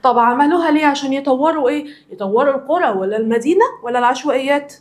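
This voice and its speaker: Fast-talking Egyptian woman teacher drilling answers. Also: high voice. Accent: Egyptian Arabic. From Alexandria, Egypt. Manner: drills answers by asking the same question over and over. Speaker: social studies teacher. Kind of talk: recorded classroom lesson for children.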